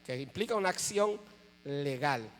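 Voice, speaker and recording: A man teaching a workshop for preachers, explaining slowly, stressing key words and checking in with his listeners again and again. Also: fairly high pitch, lively intonation, soft background music. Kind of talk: church teaching talk. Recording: long hall reverb with faint mains hum.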